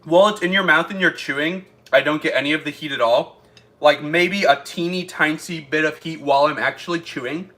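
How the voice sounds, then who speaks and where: Chatty guy doing a food taste test on camera, slightly higher voice, talks as he eats. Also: fairly quick, sharp tone. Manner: chatty, thinks aloud while eating. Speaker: food reviewer. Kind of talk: casual taste-test vlog.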